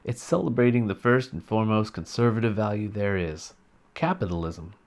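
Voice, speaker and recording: Guy doing a dry mock-serious comedy rant, lowish voice. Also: fairly quick. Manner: mock-earnest, deadpan sarcasm. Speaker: satirical commentator.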